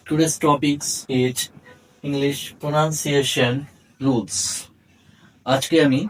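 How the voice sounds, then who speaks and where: Slow, deliberate Bangladeshi man teaching English. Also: medium pitch, recorded from a distance, slight background noise, rough recording. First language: Bengali. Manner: spells out words letter by letter, slow and deliberate. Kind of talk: short video pronunciation lesson.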